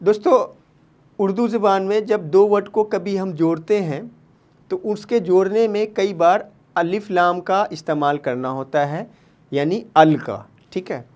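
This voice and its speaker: A man's voice: high voice, a little slow, darkish tone. A man teaching to children, spelling out each letter, repeating words and answering his own questions. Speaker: Urdu teacher. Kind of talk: slow spelling-out lesson for children.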